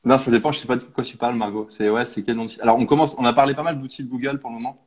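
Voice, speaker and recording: Male host, relaxed, chuckles often, mid voice. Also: medium pitch, rapid-fire. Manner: laughs easily, short agreeing backchannels. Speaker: podcast host. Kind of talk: casual interview chat.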